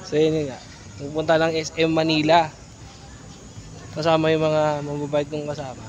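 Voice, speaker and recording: A man's voice: fairly high pitch, monotone, normal speed, lo-fi sound. A man hosting a casual vlog on a street walk, playful and teasing, often laughing. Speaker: vlogger. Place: outdoors on city streets. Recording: outdoor recording with faint noise.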